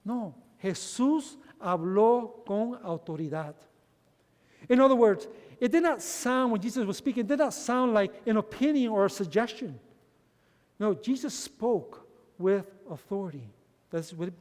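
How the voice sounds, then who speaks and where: A man's voice: high voice, animated, slow pace, darkish tone. A male pastor preaching a bilingual sermon, giving each point in Spanish and then in English and calling the congregation brothers. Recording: long hall reverb.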